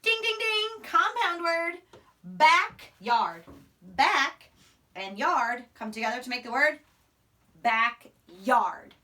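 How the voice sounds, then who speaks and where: High-pitched and very animated, a young woman teaching phonics to young children speaks slowly in a bright, forceful tone, emphatically sounding out letters and words. The primary school teacher stands at a whiteboard in a small indoor room, and the camera mic a few steps away leaves her voice distant.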